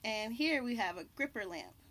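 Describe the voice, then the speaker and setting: A young adult woman reading a picture book aloud to children, deliberately, pausing to point out and label the pictures. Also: a little high, lively intonation, a bit bright. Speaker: children's read-aloud host. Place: outdoors on a house porch by trees. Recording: birdsong and light outdoor background noise. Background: birds chirping.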